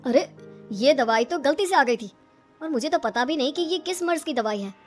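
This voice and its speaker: A woman's voice: sits high, animated, moderate pace. A woman voicing cartoon dialogue in a plain, firm way. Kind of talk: cartoon voice acting. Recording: light background music.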